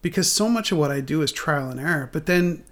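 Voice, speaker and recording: A man in his forties speaking in a somewhat high register for a man. He rambles and restarts his sentences often, swearing casually as he talks things through on a podcast. The tone is open and unguarded. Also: lively intonation, brisk, a bit bright. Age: 40s. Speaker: guest.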